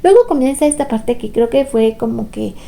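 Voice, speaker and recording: A woman talks through a show recap in a relaxed, chatty way. Her voice sits fairly high but sounds warm and mellow, never sharp. She keeps a playful, gossipy tone and slips in little acted-out quotes. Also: normal speed, gravelly. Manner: chatty and playful, voicing quoted lines, laughing often. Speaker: fan recap commentator. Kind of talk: casual recap commentary.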